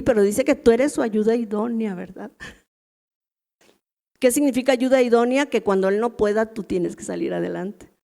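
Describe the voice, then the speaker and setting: A woman's voice: a little high, gravelly, dark tone. A middle-aged woman with a Mexican accent teaching a women's church meeting in a chatty way, often asking the listeners questions. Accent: Mexican Spanish. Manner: chatty, asks the audience rhetorical questions.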